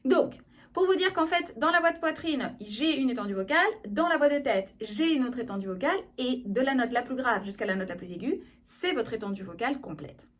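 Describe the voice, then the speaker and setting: A woman speech therapist giving an explanatory video lesson on voice, lively and often checking in with her listeners. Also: a little high, a little fast.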